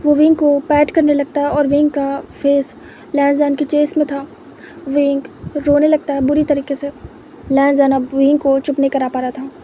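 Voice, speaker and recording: A woman narrating a fan fiction story in an even, conversational reading voice. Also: high voice, normal speed, a little hiss or hum.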